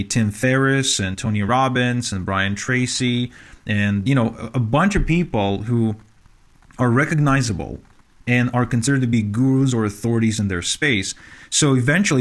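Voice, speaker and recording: A man from Ukraine talks in an earnest, conversational way. His voice sits in the middle range. He often backtracks and fills pauses as he goes. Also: mid-range voice. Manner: earnest, with frequent fillers and restarts. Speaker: podcast guest, author. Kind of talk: conversational interview.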